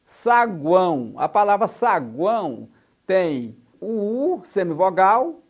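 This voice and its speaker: A man's voice: sits high, lively intonation, measured pace. A man teaching a recorded exam-prep lesson, listing examples one by one and spelling out letters methodically. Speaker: Portuguese teacher.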